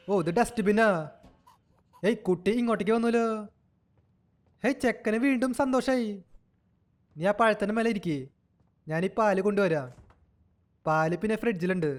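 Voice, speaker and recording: High-voiced man teasing through game commentary. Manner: teasing, talks to the game baby like a child. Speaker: gaming channel host.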